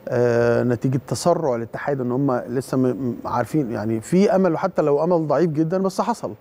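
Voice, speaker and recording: A man's voice: medium pitch, fast talker, warm tone. An Egyptian man with an Egyptian Arabic accent, a guest analyst breaking down a football match, hesitant, with many fillers and restarts. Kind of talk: studio sports analysis.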